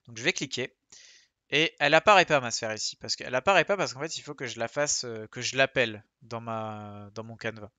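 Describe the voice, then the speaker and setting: A man giving a screen-recorded sculpting software lesson, chatty and relaxed, with fillers and self-corrections. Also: mid-range voice, fairly quick, no echo. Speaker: 3D sculpting instructor.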